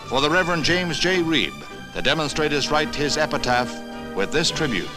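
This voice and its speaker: A man narrating an old 1960s newsreel in a formal, measured announcer's delivery. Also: a little high, lively intonation. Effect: old newsreel voice-over. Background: music score under the narration.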